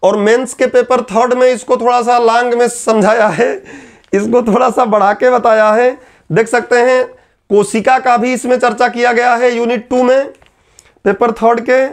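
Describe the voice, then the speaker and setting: High-voiced man teaching a lecture. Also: level tone, normal speed. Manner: explaining step by step, asking and answering his own questions. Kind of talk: exam-prep lecture.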